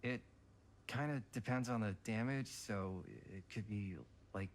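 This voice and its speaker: An actor voicing a sweet-talking teenage younger brother in a video game, hesitant and coaxing. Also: male voice, fairly low pitch, measured pace, lightly acted.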